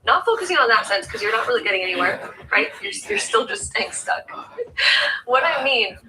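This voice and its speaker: A woman's voice: on the high side, big pitch swings, normal speed. Woman, spiritual card reader. Chatty and encouraging. Distant mic, heavy background noise. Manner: encouraging, chatty, addresses listener directly. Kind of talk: motivational card reading.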